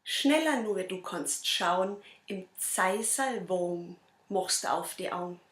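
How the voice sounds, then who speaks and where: A woman with a Bavarian accent, a cabaret performer reciting a dialect poem in a measured, rhythmic way. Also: on the low side, fairly bright tone, roomy sound. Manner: measured, rhythmic verse delivery.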